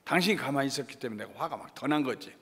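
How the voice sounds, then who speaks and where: A man's voice: mid-range voice, expressive, fairly bright tone, slightly rough, long reverb tail. A man putting on an exasperated scolding wife. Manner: indignant, rapid scolding. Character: exasperated wife scolding her silent husband.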